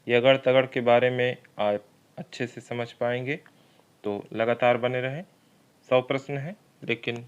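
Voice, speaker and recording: A man's voice: medium pitch, a bit bright, clear, resonant tone, dull audio. A man teaching a Hindi grammar lesson for exam preparation, reading each question twice and working through it step by step. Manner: slow and methodical, repeats questions aloud.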